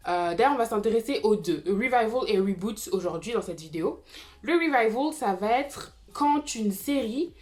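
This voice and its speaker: A woman in her twenties chatting casually to viewers about TV series, with frequent fillers and asides. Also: mid-range voice. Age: 20s. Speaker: YouTube TV series commentator. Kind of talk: casual explainer vlog.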